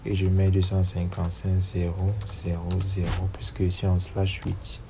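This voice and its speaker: Over a noisy background, a man with a cold and a deep, gravelly, completely flat voice talks at a moderate pace through a screen-recorded tutorial. As a networking instructor, he reads every command aloud as he types and spells out the numbers.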